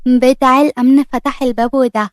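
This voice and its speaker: A woman storyteller with an Egyptian accent, narrating a scripted story in a brisk, lively way. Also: high-pitched, no room sound, clean studio sound.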